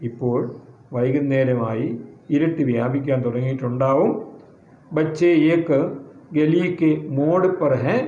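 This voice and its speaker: A male teacher with a Malayali accent works through a Hindi lesson, reading each line aloud and then explaining it. His voice sits high for a man. The room around him is echoey. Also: muffled recording.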